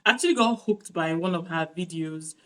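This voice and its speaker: A woman's voice: on the low side, fairly quick, fairly bright tone. A woman hosting a casual interview show, chatty and upbeat with many fillers. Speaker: podcast host.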